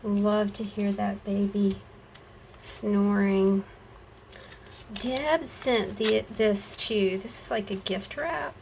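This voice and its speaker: A woman's voice: mid-range voice, steady tone, takes it slowly, creaky, a little mellow, slight background noise, poor audio. A woman chatting casually to her viewers while she crafts, folksy and affectionate, talking to herself as she works. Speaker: craft vlogger.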